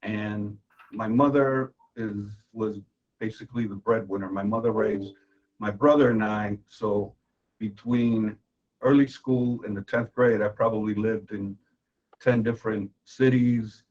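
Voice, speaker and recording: A man's voice: on the low side, steady tone, unhurried. A man from Venezuela, a judicial candidate, answering interview questions in an earnest, insistent way and repeating himself as he argues. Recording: dull lo-fi recording.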